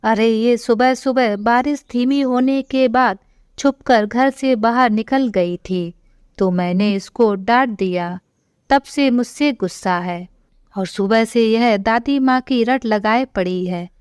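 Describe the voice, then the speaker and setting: A woman voicing a gentle young father in a storybook tale, coaxing and sometimes stern with his daughter. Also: on the high side, takes it slowly, clean tone, no room sound, studio quality. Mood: firm.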